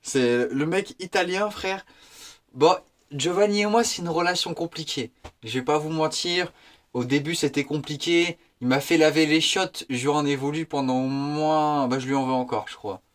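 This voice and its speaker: An eighteen-year-old man chatting casually to his viewers in a slangy, excitable vlog style. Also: a little high, moderate pace. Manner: slangy, excitable, laughs often. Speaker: vlogger.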